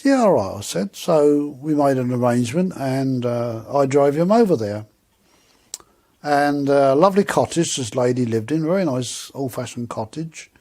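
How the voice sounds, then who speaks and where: A man's voice: mid-range voice, animated, moderate pace, darkish tone. An older man, telling a personal story animatedly and acting out the dialogue. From England. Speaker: UFO contactee.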